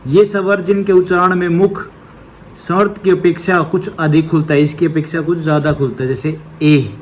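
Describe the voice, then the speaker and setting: Fairly high-voiced male grammar teacher. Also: level tone, normal speed, a little hiss or hum. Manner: asks rhetorical questions and answers them; tags points with a checking "okay". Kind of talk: exam-prep grammar lesson.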